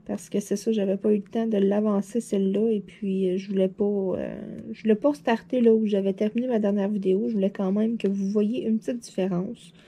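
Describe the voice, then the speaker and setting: A woman with a Quebec French accent, chatting casually while crafting, a bit hoarse from a dry throat, rambling and laughing often. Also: medium pitch, steady tone, a little fast, few pauses, dark tone. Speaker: diamond painting vlogger.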